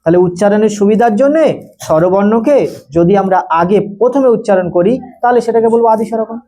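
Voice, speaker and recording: Male tutor, high-pitched, mellow tone, classroom dictation, repetitive, quizzing students. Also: low-quality recording. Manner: dictates slowly, repeating phrases, quizzing students. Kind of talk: dictating a grammar lesson.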